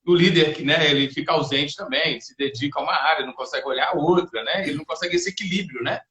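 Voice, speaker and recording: A man hosts an interview, picking up on his guest's ideas in a thoughtful way. He keeps ending his sentences with little questions for agreement. His voice sits a bit high and rings in a roomy, echoey space. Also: quick pace, bright, forceful tone. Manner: reflective, tags sentences with "né" and "não é mesmo". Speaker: interview host. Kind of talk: interview talk. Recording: roomy echo.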